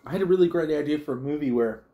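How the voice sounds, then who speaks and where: A man's voice: on the high side, racing, lo-fi sound. A man in a casual mukbang vlog, chatting in a rambling way while chewing his food. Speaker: vlogger.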